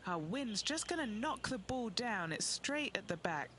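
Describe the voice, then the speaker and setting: A man's voice: high-pitched, big pitch swings, unhurried, bright, forceful tone, a little hiss or hum. A man giving live golf commentary as an on-course reporter.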